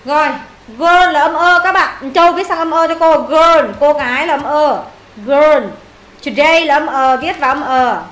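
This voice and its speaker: A woman teacher with a Vietnamese accent, briskly drilling English vocabulary and pronunciation and repeating words for her students. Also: high voice, fairly bright tone, roomy sound, rough recording.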